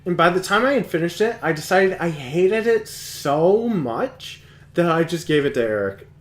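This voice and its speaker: A man hosts a live model-building stream, chatting casually, rambling, and giggling. His voice sits on the high side and is animated, at normal speed, recorded in an echoey room.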